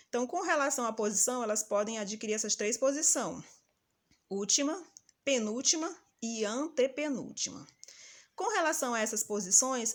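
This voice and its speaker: A woman teacher giving a patient, didactic lesson and calling out example words slowly and loudly. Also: a little high. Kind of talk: recorded grammar lesson for children.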